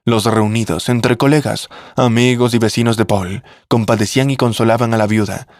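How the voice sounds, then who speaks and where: Man, scripted story narration, measured, mid pitch, dry. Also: steady tone, darkish tone, no echo.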